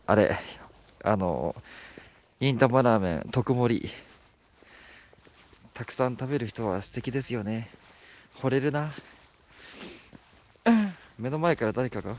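A man chats on a live stream from a dark rural spot, his pitch bouncing up and down in a lively, playful way. He teases his viewers and jokes as he reads their comments aloud. A faint hush of outdoor night ambience sits behind his voice. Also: slight background noise. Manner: playful, teasing, chatty. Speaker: livestreamer.

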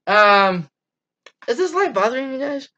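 Speaking in an extremely high, sing-song voice that's bright and forceful yet unhurried, a teen boy hosts a casual postgame sports review for his fan channel. He's enthusiastic, stumbling through ums and restarts, in a small dim room. The webcam recording sounds dull and lo-fi.

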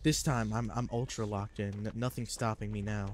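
A man's voice: fairly low pitch, steady tone, normal speed, background noise. A young man with a stuffy, congested voice giving casual gameplay commentary, boasting jokingly about his skill and swearing when things go wrong. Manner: self-mocking, joking boasts, swearing in panic. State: congested from a cold. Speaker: gaming video creator. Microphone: desk mic. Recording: game music playing behind voice. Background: game music.

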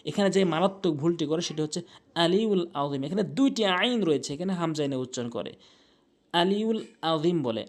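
A man teaching Quranic recitation rules, explaining mistakes briskly and chanting the verses slowly with long drawn-out vowels. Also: a little high, big pitch swings. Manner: repeats corrections, contrasting wrong and right pronunciation. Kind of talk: tajweed lesson with chanted recitation.

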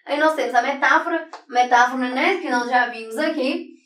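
A woman teacher whose voice is high-pitched and fairly bright explains figures of speech at normal speed in an online exam-prep lesson. She asks "né?" constantly to check on the class as she writes on a board, recorded in an echoey room with a distant mic.

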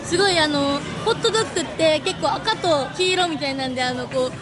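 Young woman vlogging, high voice, giggly and excitable, busy arcade with music. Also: a little fast. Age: young adult. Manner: giggly, animated, exclamatory. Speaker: vlog host. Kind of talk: casual chat to camera. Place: large indoor amusement arcade. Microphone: handheld camera at arm's length. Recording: music and crowd noise behind.

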